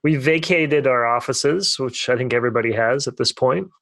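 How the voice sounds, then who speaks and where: A young man co-hosting a casual podcast tells a long, rambling story packed with fillers, the kind of easygoing storytelling friends share. His voice sits at a medium pitch with a slightly bright edge and some vocal fry, and he talks at a normal speed. The recording is dry.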